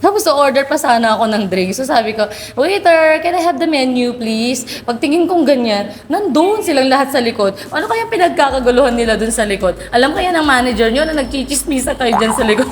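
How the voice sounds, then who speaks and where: High-voiced chatty Filipina mom. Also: female voice, animated, fast, few pauses, slight background noise. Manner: chatty and teasing, laughs at her own jokes. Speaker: vlogger narrating her daughter's photoshoot. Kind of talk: playful voice-over narration.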